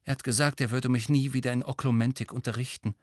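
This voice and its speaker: A man's voice: fairly high pitch, lively intonation, dry recording, clean studio sound, pitched above the performer's own voice, natural voice. Guy voicing a jumpy teen boy, defensive, raised voice, audiobook. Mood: uneasy. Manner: tense, quick to protest. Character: fifteen-year-old boy, defensive and uneasy.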